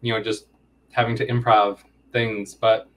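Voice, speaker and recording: A man's voice: lowish voice, level tone, measured pace, a bit bright. A man of about thirty, a guest in a casual interview, rambling and joking at his own expense. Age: 30s. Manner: rambling, self-deprecating joking. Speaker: comic co-creator, guest.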